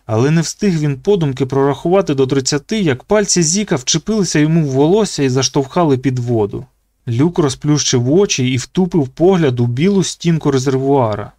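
A man narrates a novel in a steady, measured storytelling voice at an ordinary pitch. He is close to the mic, and the recording is dry with no room echo. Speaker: audiobook narrator. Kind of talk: scripted narration.

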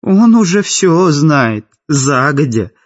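A man voicing a distressed young woman who speaks bitterly and sharply, with a slightly husky voice. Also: a little high, sing-song, takes it slowly, pitched above the performer's own voice, heavily acted. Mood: upset. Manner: bitter, complaining. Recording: dull lo-fi audiobook with faint music.

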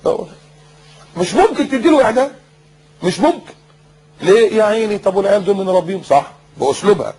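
An Egyptian man delivers a colloquial sermon in a high, quick voice that barely pauses for breath. He slips into mocking impressions and sudden shouts to make his point, with faint noise in the background. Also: rough recording. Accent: Egyptian Arabic. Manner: mocking, acts out scenes in voices, shouts for effect. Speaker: preacher.

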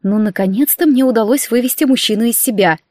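A woman narrating an audiobook in a measured storytelling manner. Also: on the high side, darkish tone, no room sound, clean studio sound. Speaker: audiobook reader. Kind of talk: scripted narration.

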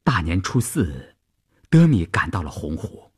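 A man narrating a radio serial in a measured, expressive storytelling manner. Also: low voice, slightly rough.

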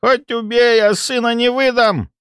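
A man voicing a panicky old village woman who blurts and wails in a shrill voice. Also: steady tone, a little slow, fairly bright tone, clean tone, no echo, studio quality. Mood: stubborn, frightened.

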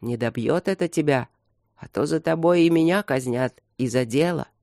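A narrator doing a gruff growling baron. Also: mid-range voice, fairly even intonation, a little slow, dry recording, clean studio sound, lightly acted. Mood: doubtful. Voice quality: growling, voice cracking with pain.

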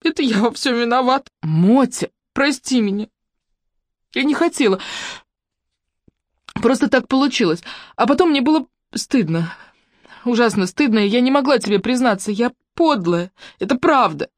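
A woman reading an audiobook voices a tearful young woman who mumbles a halting confession over the phone. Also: on the high side, expressive, warm tone, dry recording, voice pushed up. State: crying.

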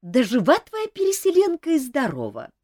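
Woman voicing a court lady telling what she saw, bouncy pitch, dry close mic. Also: huge pitch swings, normal speed, darkish tone, dry recording. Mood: emphatic. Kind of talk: audiobook character reading.

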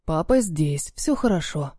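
A woman's voice: deep voice, animated, measured pace, warm tone, slightly rough, no echo, clean studio sound, pitched below the performer's own voice, full character voice. A woman voicing a stern, cold-tempered man who speaks in clipped, commanding lines. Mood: tender.

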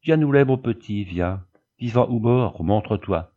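A man's voice: lowish voice, animated, unhurried, mellow, dull audio. A man reading the part of a grieving old peasant widow who pleads in fervent prayer. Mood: defiant.

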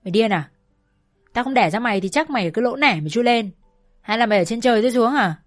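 Harsh, furious mother, voiced by a woman reading a story, shouting contemptuous scolding at her own child, faint music under the voice. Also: on the high side, lively intonation, quick pace, no room sound.

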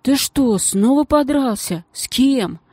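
Женщина озвучивает в аудиокниге вспыльчивую девочку лет двенадцати с писклявым голосом. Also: female voice, dry recording, studio quality, natural voice. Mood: shocked. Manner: squeaky, quick to flare up. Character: excitable schoolgirl of about twelve.

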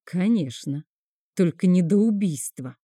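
A woman voicing a calm, scornful older high priest in an audiobook. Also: unhurried, slightly rough, no room sound, clean studio sound. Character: high priest, older man, cold and sarcastic.

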